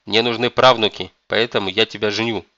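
A man's voice: on the low side, steady tone, fairly quick, pushed and bright, no echo, muffled recording. A man voicing a domineering old grandmother. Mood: scolding. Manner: commanding, scolding. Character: stern domineering elderly grandmother.

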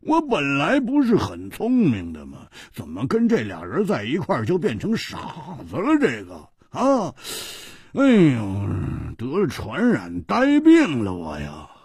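A man's voice: low-pitched, sing-song, unhurried, pauses often, dark tone, slightly rough, no echo, studio quality, exaggerated voice. A male storyteller voicing a boisterous, self-mocking swordsman who stammers and jokes, in a storytelling radio performance. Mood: flustered joking.

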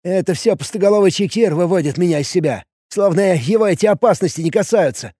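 A man voicing a young, naive male goblin soldier who talks in a quick, whiny, breathy way. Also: sits high, lively intonation, mellow, no echo, studio quality, voice pushed up. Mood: sulky.

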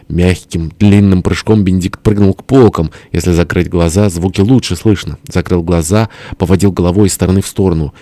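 A man reading a story aloud as an audiobook narrator, expressive and lively. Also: deep voice, no echo. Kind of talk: scripted narration.

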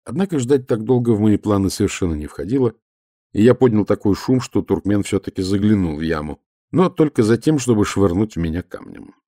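A man reading a first-person adventure audiobook in a lively storytelling manner. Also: fairly low pitch, fairly quick, no echo, studio quality. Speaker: audiobook narrator.

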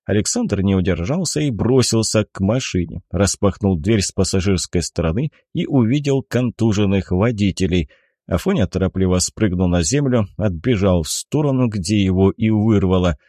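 A man reading an adventure audiobook in an even storytelling manner. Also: lowish voice, moderate pace, dry recording, clean studio sound. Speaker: audiobook narrator. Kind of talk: scripted narration.

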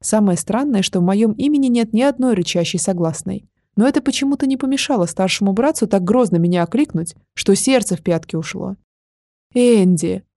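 A woman's voice: medium pitch, brisk, hardly any pauses, no echo, studio quality. Woman narrating a wry fantasy audiobook. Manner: wry, lively storytelling.

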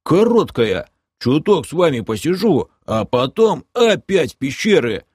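A man voicing a loud, boisterous male half-orc adventurer who hoards loot, with gruff, blunt exclamations. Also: fairly high pitch, big pitch swings, measured pace, no room sound, studio quality, pitched above the performer's own voice, full character voice.

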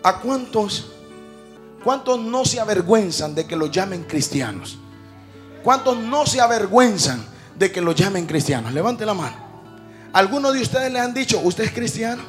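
A man preaching a sermon, moving from calm storytelling to shouted exhortation and often calling out to the brothers. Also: high voice, moderate pace, soft background music. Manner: calls the congregation brothers often.

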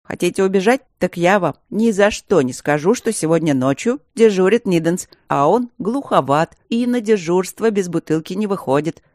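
A narrator voicing a brisk, scolding middle-aged married nurse in an audiobook. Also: medium pitch, expressive, no room sound, studio quality, close to an everyday voice. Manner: loud, scolding, matter-of-fact. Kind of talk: audiobook character reading.

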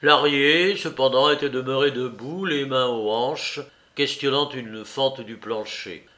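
A man reading a classic novel aloud as audiobook narration, measured and expressive. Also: medium pitch. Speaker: audiobook reader.

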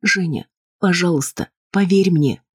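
For an audiobook, a man raises his voice well above his usual register to play an anxious, insistent adult wife, sounding husky and sharp-edged. She pleads and snaps defensively in an agitated mood, delivered a little slowly in a dry, close recording.

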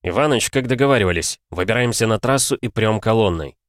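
Brisk tank commander voiced by a man, clipped orders, low voice, dry sound. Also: expressive, no room sound, lightly acted. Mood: commanding.

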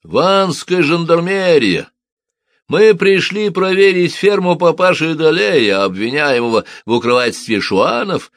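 A man's voice: mid-range voice, sing-song, unhurried, a bit bright, dry recording, clean studio sound, voice pushed up, heavily acted. A man voicing a brutal, menacing bandit leader posing as a gendarme in a storybook reading. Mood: commanding. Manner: bellowing, menacing.

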